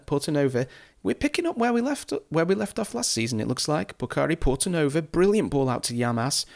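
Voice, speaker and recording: Excitable man with gravelly voice. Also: mid-range voice. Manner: excitable, chatty, reacts loudly to match action. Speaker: gaming YouTuber. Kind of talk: casual let's-play commentary.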